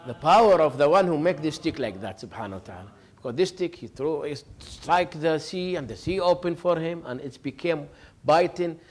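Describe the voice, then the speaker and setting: In an informal religious lesson, a sheikh talks in a conversational way, telling stories, joking, laughing and acting out dialogue. His voice sits on the high side with lively intonation, and he speaks at normal speed with few pauses.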